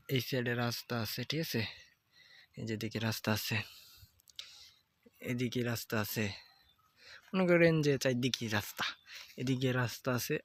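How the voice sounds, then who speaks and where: A man's voice: mid-range voice, a bit bright, no echo. A man, a first-time vlogger rambling casually outdoors by the fields, filming on an old phone. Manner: rambling, repeats "okay?" often. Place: outdoors by fields in hot sun. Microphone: old handheld phone.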